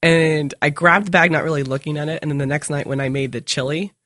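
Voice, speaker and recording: A woman's voice: deep voice, steady tone, fast, fairly bright tone, no echo, clean studio sound. A woman chatting casually as the co-host of a podcast. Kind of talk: casual chat.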